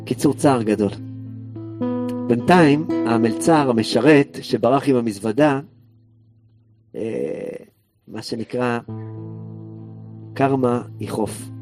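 A man teaching a Torah class, telling a story with lively acted-out dialogue. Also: medium pitch, pauses often, over music. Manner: animated storyteller acting out characters' lines.

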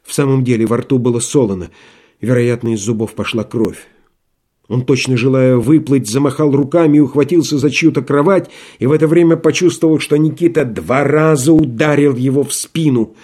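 Man reading a classic story, dark voice. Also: mid-range voice, fairly quick. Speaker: audiobook reader. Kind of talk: literary narration.

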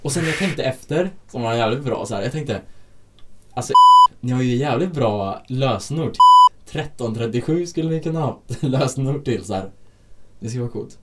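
A man in casual chat, recounting work stories about hotel breakfast guests, acting out the quotes and swearing often. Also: medium pitch. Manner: animated storytelling with acted-out quotes; frequent swearing.

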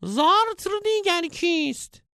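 A man's voice: very high-pitched, vocal fry, a bit bright, dry recording, studio quality, pitched above the performer's own voice, exaggerated voice. A man voicing a bossy old male sage in a comic story, scolding and prying as he talks. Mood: preachy.

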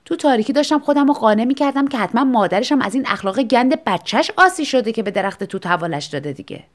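A woman narrating a scripted story in an expressive, lively way. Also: fairly high pitch.

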